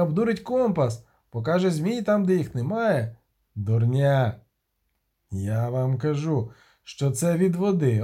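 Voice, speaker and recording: A man's voice: high-pitched, mellow, full character voice. A man voicing a skeptical male sailor who scoffs dismissively, in an audiobook reading. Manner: scornful, dismissive.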